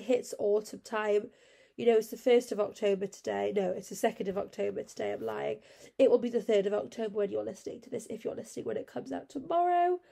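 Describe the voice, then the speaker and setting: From her bed at home, a congested young podcast host chats on her own in a loose, rambling way, leaning on frequent fillers. The voice is mid-range, creaky, and warm in tone.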